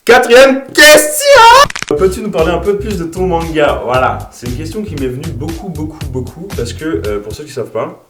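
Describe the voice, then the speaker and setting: A young man in his twenties answering viewer questions in a casual vlog, crude and self-mocking, breaking into mock-angry shouts. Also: a little high, lively intonation, brisk, few pauses. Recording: roomy sound from a distant mic with music. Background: background music.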